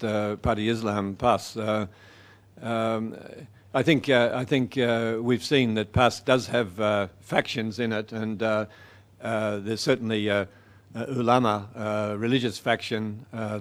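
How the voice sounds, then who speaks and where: A man answering audience questions after a lecture. He speaks in a halting, thoughtful way, pausing often and restarting his sentences. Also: fairly low pitch. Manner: hesitant, many fillers and restarts. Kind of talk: public talk Q&A.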